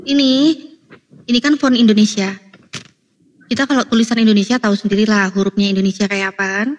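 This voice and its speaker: A woman's voice: medium pitch, fairly even intonation, fast talker, slight background noise. A woman in a heated online debate, talking in an insistent, lecturing way and sounding exasperated, on a video call.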